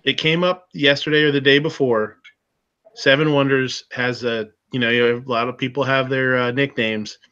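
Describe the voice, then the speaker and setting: A man's voice: mid-range voice, steady tone, moderate pace, pushed and bright, clean tone, highs cut off. A man co-hosting a casual livestream chat, laughing easily and rambling as he reads out comments. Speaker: livestream co-host reading chat.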